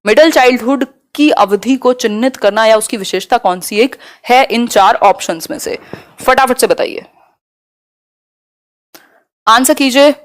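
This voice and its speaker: A woman teaching a live online exam-prep class, talking quickly and conversationally and checking in with her students often. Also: fairly high pitch.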